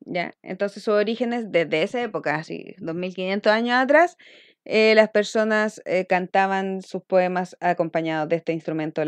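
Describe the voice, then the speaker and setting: A woman's voice: medium pitch, clean tone, no room sound. Woman, young adult, school teacher, step-by-step explaining, dry close sound. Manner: explains step by step, checking in with frequent "¿ya?". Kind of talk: recorded online lesson.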